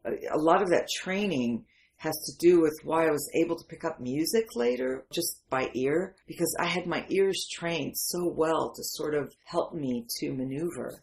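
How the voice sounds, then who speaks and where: Low-pitched, darkish and edged with vocal fry, this woman's voice moves at normal speed over a faint hiss or hum. She's a Syrian-born memoir writer in her fifties, now from the Detroit area, with an American accent and a first language other than English, sharing personal stories candidly and emphatically as an interview guest.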